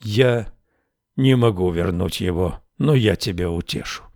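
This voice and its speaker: A man's voice: low-pitched, a little slow, vocal fry, darkish tone, dry recording, clean studio sound, pitched below the performer's own voice. A male audiobook narrator reading the lines of a grieving young woman in his own plain, earnest voice. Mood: pleading. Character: grieving, defiant young woman, clinic clerk. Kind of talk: audiobook character voice.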